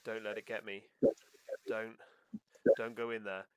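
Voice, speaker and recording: A man's voice: lowish voice, level tone, a little slow, heavy background noise, close to an everyday voice. A man voicing a terrified male prisoner who keeps begging and repeating himself in panic. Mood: frightened pleading. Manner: frantic repeated pleading, rising to screams.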